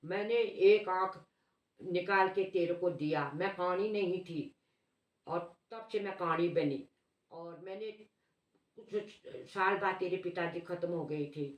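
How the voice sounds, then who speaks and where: A woman voicing a grieving elderly mother who pleads slowly and sorrowfully in a folk tale. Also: lowish voice, muffled recording, close to an everyday voice. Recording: roomy echo, distant mic.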